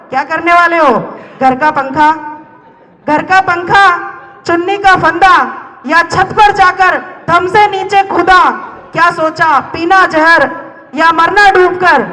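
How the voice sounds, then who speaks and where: Male poet, very high voice, live stage recitation, repeats lines, long hall echo. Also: sharp tone. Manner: declamatory, repeats each line, addresses listeners directly. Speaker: poet performing at a college event. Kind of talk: dramatic poetry recitation to a live audience.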